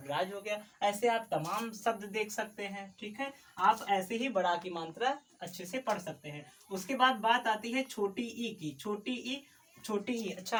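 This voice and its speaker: A man's voice: sits high, distant mic. Man teaching syllables, away from the mic. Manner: repetitive, drills syllables aloud, sounding some forcefully and others softly; asks questions and answers them himself. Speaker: Hindi teacher. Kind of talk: classroom lesson on vowel marks.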